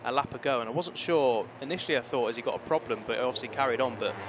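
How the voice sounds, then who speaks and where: A man's voice: mid-range voice, racing, noisy background. A man giving live motorcycle race commentary in a conversational motorsport commentator manner. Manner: motorsport commentator delivery, conversational with tag questions.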